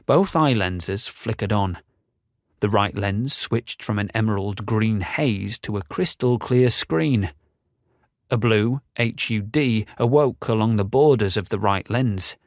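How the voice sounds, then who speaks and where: A man narrating a fantasy audiobook in a measured, descriptive reading. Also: lowish voice, dry recording, studio quality. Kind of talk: scripted narration.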